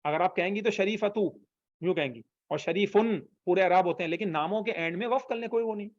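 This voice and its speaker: A man's voice: sits high, highs cut off. A man teaching an online language class, patiently repeating phrases for students to copy. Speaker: Arabic teacher.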